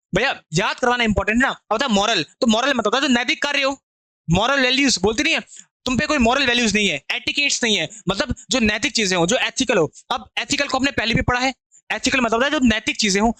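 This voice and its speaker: High-voiced, bright male teacher. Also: no echo. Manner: chatty, repetitive, asks students if they understood. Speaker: English teacher. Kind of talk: online vocabulary lesson.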